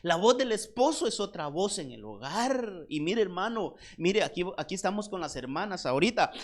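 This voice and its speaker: A man's voice: sits high, sing-song. A man preaching a sermon as pastor, emphatic, repeating words and often calling the listeners "brother". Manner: emphatic, slows down on key points.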